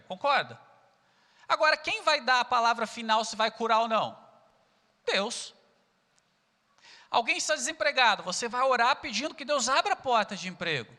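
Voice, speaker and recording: Brazilian male pastor, sermon, sharp forceful tone, church-hall reverb. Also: very high voice. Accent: Brazilian Portuguese. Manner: earnest preaching, asks rhetorical questions.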